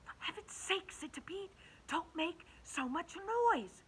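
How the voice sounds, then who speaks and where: A woman voicing a brave, calm young boy who speaks in a soft, hushed way for a storybook read-aloud. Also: on the high side, measured pace, a little hiss or hum, pitched above the performer's own voice, heavily acted. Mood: excited whisper.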